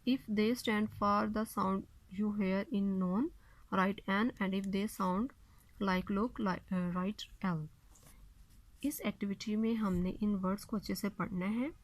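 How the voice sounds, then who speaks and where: A woman teaching a recorded lesson. She reads the sentences slowly and deliberately, then explains them quickly in Hindi. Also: mid-range voice, dry recording, poor audio. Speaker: school English teacher.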